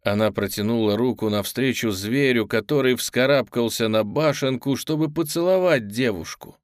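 Мужчина-чтец, выразительно читающий сказку. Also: male voice, mid-range voice, moderate pace, no room sound, clean studio sound. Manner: выразительное, театральное повествование. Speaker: чтец аудиокниги. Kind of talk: художественное чтение сказки.

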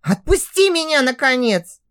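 A woman voicing a sharp-tongued, defiant young woman in an audiobook, high and snapping. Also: big pitch swings, unhurried, heavily acted. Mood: pleading. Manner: shrill, scornful, snapping.

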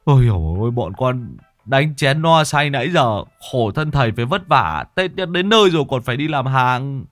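A man's voice: mid-range voice, normal speed, few pauses, no room sound, studio quality, faint music behind, voice pushed up, close to an everyday voice. A man doing a stammering, flustered village lout. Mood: alarmed. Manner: stammering, excitable.

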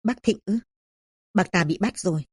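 A woman voicing a middle-aged neighbor who calmly passes on news and gossip. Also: medium pitch, normal speed, husky, dry recording, clean studio sound, natural voice.

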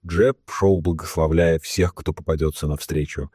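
A male narrator reads a novel in a deep, husky voice. His tone is dark and mellow. The recording is dry and close, with no room sound. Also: fairly even intonation, no room sound. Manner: reads all characters himself, slowing for solemn quotes. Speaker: audiobook narrator. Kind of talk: scripted narration.

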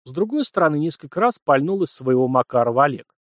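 A man narrating an audiobook in a steady scripted storytelling delivery. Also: fairly high pitch, fast talker, dry recording, clean studio sound.

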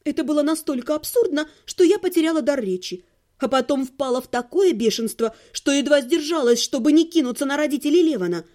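High-voiced woman narrating a story. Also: a little fast. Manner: lively, dramatic storytelling. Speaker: audiobook narrator. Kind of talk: expressive first-person fantasy narration.

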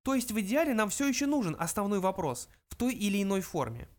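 Reader doing a high-pitched lab mouse, pompous, brisk, cynical, lecturing, audiobook. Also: very animated. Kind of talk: audiobook character reading.

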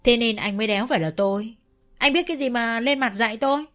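A woman doing a surly young man, loud and insolent, snapping back at his father and brother. He is defiant and fed up, in a read-aloud family story. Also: a little high, fast, soft background music, pitched above the performer's own voice. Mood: defiant angry. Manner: defiant, shouting.

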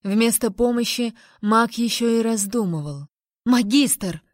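A woman narrating a first-person fantasy romance audiobook with expressive, lively storytelling. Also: mid-range voice, moderate pace, dry recording, studio quality.

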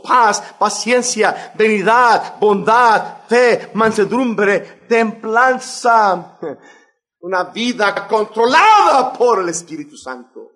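A middle-aged man preaching a sermon in a high voice. He talks with fervor and builds to loud, shouted peaks before dropping back to quieter, earnest speech. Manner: fervent preaching, rising to shouts, often addressing "hermanos". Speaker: pastor.

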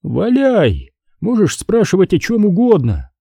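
Guy reading an audiobook doing creepy dead brother, sweet coaxing talk, higher voice, kinda husky. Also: wildly swooping pitch, measured pace, warm tone, no echo, clean studio sound, exaggerated voice. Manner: coaxing, lazily smiling. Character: eerie friendly dead brother, grown man, coaxing.

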